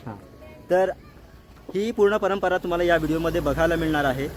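A man's voice: on the high side, fairly quick, faint music behind. A man from Konkan in Maharashtra who hosts a vlog, introducing it to camera in a friendly, casual way and speaking straight to his viewers. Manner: friendly, direct address to viewers. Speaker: vlog host.

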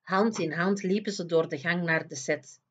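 Een vrouw die een kinderboek hardop en expressief voorleest. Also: female voice, fairly low pitch, moderate pace, highs cut off. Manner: expressive, lively storytelling. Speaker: storyteller reading aloud. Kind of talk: reading a children's book aloud.

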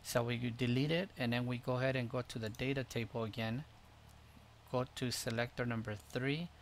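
A man hosting a screen-recorded tutorial, explaining each step in a relaxed way with frequent fillers. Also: mid-range voice, moderate pace, slight background noise. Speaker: tutorial host.

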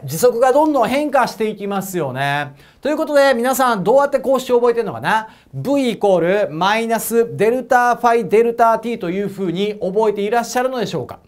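A man with an Osaka accent gives a physics exam lecture in a chatty, joking way. His voice moves lively up and down as he asks viewers questions and laughs at his own asides. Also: sits high. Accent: Osaka Japanese. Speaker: prep school physics teacher. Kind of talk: whiteboard lecture to camera.

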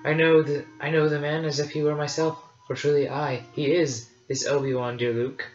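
A man voicing a wise, gentle old hermit knight in measured verse. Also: on the high side, little pitch movement, close to an everyday voice. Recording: roomy, slightly dull, faint music.

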